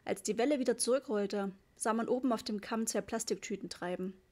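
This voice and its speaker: A woman narrating a children's audiobook in a lively storytelling manner. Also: on the high side, brisk. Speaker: audiobook reader.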